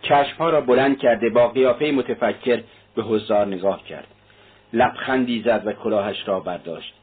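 A man reading a classic novel aloud with expressive, dramatic delivery. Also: mid-range voice, husky. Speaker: narrator. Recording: tinny narrow-band audio.

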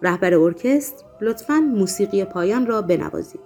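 A woman's voice: mid-range voice, lively intonation, a little mellow, soft background music, natural voice. A woman voicing a mischievous talking male cat who announces in a mock-formal way.

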